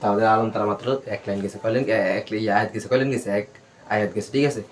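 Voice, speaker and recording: A man teaching a Quran reading class, spelling Arabic letters out slowly and drilling them with repeated questions and answers. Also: fairly low pitch, steady tone. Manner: slow, syllable-by-syllable recitation.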